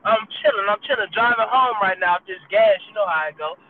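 A man talking loudly and playfully over the phone while driving, full of slang. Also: sits high, a little fast, over a noisy crowd. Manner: loud, hyped and slangy. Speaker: guest calling in. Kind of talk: casual phone chat. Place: in a car driving. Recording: tinny phone line from a moving car.

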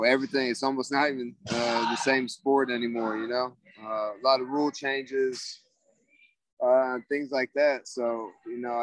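Laid-back male fighter, flat monotone, relaxed interview answers. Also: medium pitch, no echo, rough recording. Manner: laid-back, mellow, many "you know" fillers. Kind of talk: casual interview.

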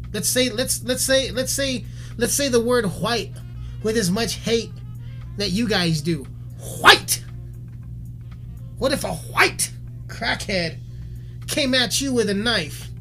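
A musician rants heatedly on camera, swearing constantly and repeating himself, with faint music playing behind him. His voice is high and a bit bright, and he keeps a measured pace.

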